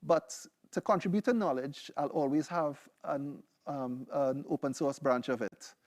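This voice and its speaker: Speaking at a measured pace in a darkish, higher-than-average voice, a young Trinidadian man presents his PhD work in a seminar that includes a live demo. His delivery is relaxed and chatty, peppered with "right?" and "you know" to check in with listeners.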